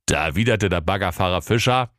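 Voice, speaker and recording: A man's voice: low-pitched, a little fast, fairly bright tone, no echo, clean studio sound. A man narrating a comic fairy-tale parody in a mock-solemn storytelling tone.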